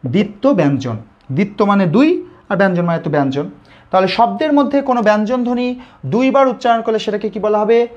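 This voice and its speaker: Bangladeshi teacher drilling grammar questions. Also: male voice, high voice, animated, a little fast, darkish tone. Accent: Bangladeshi Bengali. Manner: repeats questions and answers them himself. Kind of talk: live online grammar lesson. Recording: slightly dull lo-fi audio.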